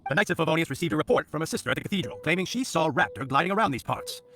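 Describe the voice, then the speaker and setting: An officious young knight rattles along extremely fast in a bright, forceful voice. He is formal and dutiful, in anime game style. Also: a little high, expressive, gravelly, a little hiss or hum. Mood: earnest, explaining. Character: officious, earnest young male knight lawman.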